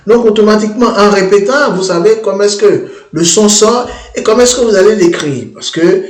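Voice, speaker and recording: A man presenting a language-learning app in a screen-demo tutorial, talking haltingly and often restarting and repeating words. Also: high-pitched, roomy sound.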